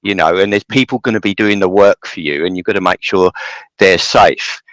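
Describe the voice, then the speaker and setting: Male host, low voice, dry close sound, earnest and agreeable. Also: a little fast, fairly bright tone, no echo, poor audio. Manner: earnest, agreeable, talks in long run-on sentences. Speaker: podcast host. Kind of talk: podcast interview.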